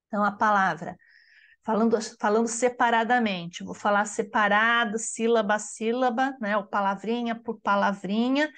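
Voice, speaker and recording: A woman's voice: mid-range voice, fairly bright tone. A woman with a Brazilian Portuguese accent, leading a study group as teacher, explaining patiently and often checking in with a tag question. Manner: explanatory, frequent tag "né?", slows to pronounce words syllable by syllable. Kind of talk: online lecture on bilingual education.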